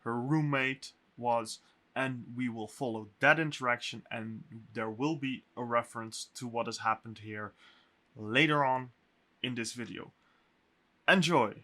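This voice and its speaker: A bright, forceful man's voice, heard with an echoey ring. He is the game master, walking listeners through what happened in a tabletop session. He talks haltingly, with fillers and restarts. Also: medium pitch.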